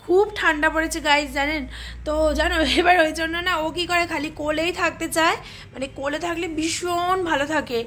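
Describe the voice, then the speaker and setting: A woman's voice: very high-pitched, steady tone, a little fast, slight background noise. A young woman, a new mother, chatting casually to viewers in a home vlog, talking directly to the camera. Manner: drops to a hushed voice while baby sleeps. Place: family home by a river.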